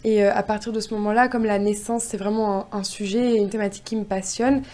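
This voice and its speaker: A woman's voice: mid-range voice, fairly even intonation, fast talker, darkish tone. A young woman from France, a poet guest answering interview questions eagerly with many hesitations. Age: young adult.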